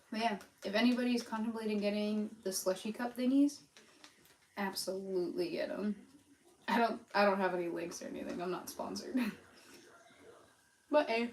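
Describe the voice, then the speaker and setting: A woman's voice: mid-range voice, darkish tone, roomy sound, slight background noise, low-quality recording. A Pennsylvania woman with a Pittsburgh accent chatting casually on a live stream while she cooks at home, rambling with lots of fillers. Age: adult with a child. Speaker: cooking vlogger. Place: home kitchen.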